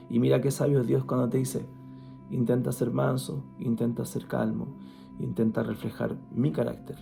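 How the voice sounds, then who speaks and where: Gravelly, earnest man giving a devotional talk. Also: mid-range voice, warm tone. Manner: conversational, earnest, with frequent restarts. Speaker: guest speaker.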